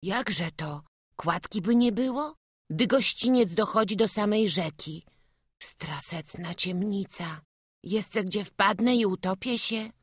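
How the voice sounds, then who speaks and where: A woman's voice: mid-range voice, slow pace, breathy edge, dry recording, studio quality, pitched above the performer's own voice. A woman reading an audiobook voices a small frightened peasant boy with a childish lisp. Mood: worried. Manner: childish lisping speech, anxious.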